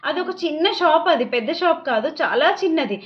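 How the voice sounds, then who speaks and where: A mother, telling a story to camera in a lively, animated way. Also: high-pitched, brisk. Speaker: mother and vlogger. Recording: dull lo-fi sound.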